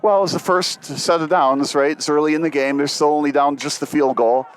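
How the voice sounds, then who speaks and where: A man giving color commentary on a football game, explaining the play in a relaxed way. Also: fairly high pitch, brisk, clean tone, rough recording. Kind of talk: live sports commentary.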